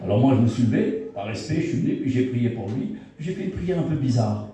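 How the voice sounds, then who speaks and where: A middle-aged man, a pastor, telling a testimony in a sermon, in an animated storytelling way that repeats phrases for emphasis. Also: medium pitch, fast. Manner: animated storytelling, acts out dialogue. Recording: very echoey hall, mic far off.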